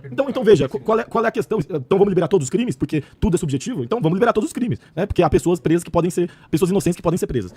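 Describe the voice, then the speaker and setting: A man's voice: sits high, lively intonation, rapid-fire, few pauses, dark tone, breathy edge, no room sound. Man debating, lectures, asks rhetorical questions, dry sound. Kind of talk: political debate.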